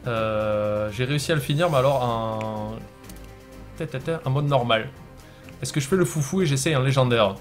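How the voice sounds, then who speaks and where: A man's voice: medium pitch, moderate pace, faint music behind. A man hosting a gaming show, commentating his own play in a casual, self-mocking way.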